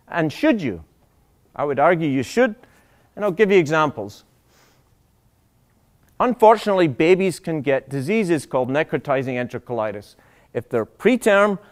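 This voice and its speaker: A man, a doctor, giving a public lecture, animated and full of rhetorical questions to the audience. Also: a little high.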